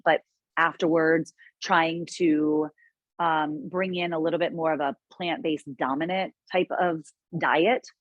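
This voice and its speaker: A woman's voice: sits low, no room sound, lo-fi sound. A woman guest in a casual interview, speaking earnestly and reflectively with frequent restarts.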